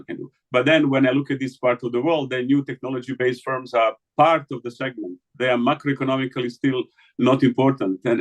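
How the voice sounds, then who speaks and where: Hesitant man from the Balkans. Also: mid-range voice. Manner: hesitant, many fillers and restarts. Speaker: interviewed scholar. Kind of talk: academic conversation.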